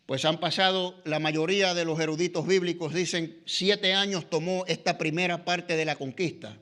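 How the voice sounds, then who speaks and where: A middle-aged man with a Latin American Spanish accent leads a church discipleship class as a Bible teacher, keeping it conversational with frequent "¿verdad?" and "¿no?" tags and the filler "eh". His voice is on the high side, steady and a bit bright, at a moderate pace.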